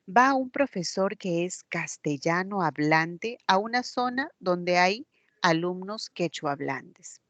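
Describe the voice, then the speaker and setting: A woman's voice: deep voice, a bit bright, no room sound. A woman with a Peruvian Spanish accent teaching a recorded class, patiently explaining step by step with examples. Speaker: language teacher. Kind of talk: recorded online class lecture.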